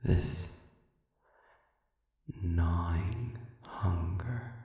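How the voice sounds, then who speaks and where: In a dramatic audio roleplay monologue, a man voices a sadistic, manipulative demon who is smug and philosophical, murmuring deliberately with many pauses in a low, gravelly, dark-toned voice. It's a full character voice, silky and insinuating, and the recording sounds heavily reverberant, distant and cavernous.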